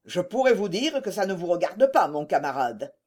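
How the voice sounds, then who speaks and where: A woman's voice: lowish voice, very animated, moderate pace, a little mellow. A woman voicing a sly, shameless rural farmer who feigns indifference, in a read-aloud story.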